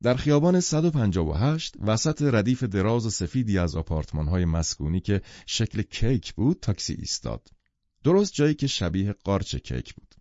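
A man narrating a novel as an audiobook, in a measured, expressive reading. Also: lowish voice, dry recording, muffled recording. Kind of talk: scripted literary narration.

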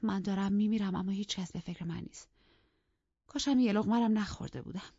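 Audiobook: woman doing an ailing, self-pitying young lady, high, pleading, frantic; dry, dull studio sound. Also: warm tone, no room sound, close to an everyday voice. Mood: despairing. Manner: pleading, agitated, frantic outbursts.

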